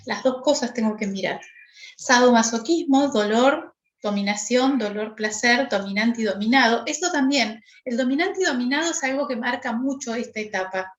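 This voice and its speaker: A woman's voice: a little high, normal speed, echoey room, lo-fi sound. A middle-aged woman with a Rioplatense Spanish accent teaching a workshop class, explaining step by step and checking in with "¿sí?" again and again. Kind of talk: online class lecture.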